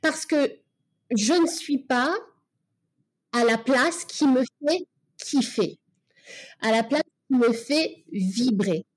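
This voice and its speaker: A woman's voice: high-pitched, lively intonation, takes it slowly, long pauses. A woman in casual podcast conversation, talking in a reflective, coaching way with many fillers and restarts.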